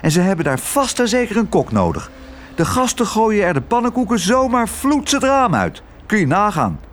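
A man voicing a small, chatty male sparrow in a storybook reading, quick and chirpy. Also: high voice, huge pitch swings, a little hiss or hum, voice pushed up.

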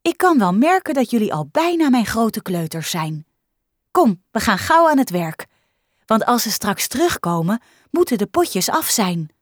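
A patient kindergarten teacher who coaxes her class along with gentle words, read by a woman. The voice swings lively up and down at an unhurried pace. It sounds close and dry in a storybook reading. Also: on the high side, no room sound. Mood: coaxing. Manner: gentle, coaxing.

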